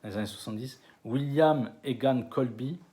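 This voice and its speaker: A man from France giving a conference lecture, hesitant with many fillers and restarts, slowing down over names. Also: medium pitch, warm tone. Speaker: conference speaker. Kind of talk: lecture to an audience. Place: conference hall.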